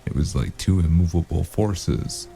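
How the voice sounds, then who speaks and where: An actor playing a brooding, wry loner, narrating a noir detective audio drama in a gravelly, understated way. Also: male voice, low-pitched, measured pace, mellow. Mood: brooding, tense. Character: gruff, wry noir loner stranger narrating his story. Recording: music behind the voice.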